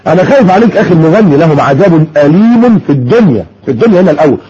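A man's voice: a little high, expressive, racing, dark tone, a little hiss or hum. A man with an Egyptian Arabic accent preaching a sermon, firing rhetorical questions and mockingly repeating words. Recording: muffled lo-fi audio.

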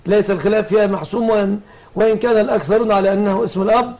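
A man hosting a religious lesson on air, leading the discussion and questioning his guest and callers briskly. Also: high-pitched, steady tone, darkish tone. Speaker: host and religious teacher.

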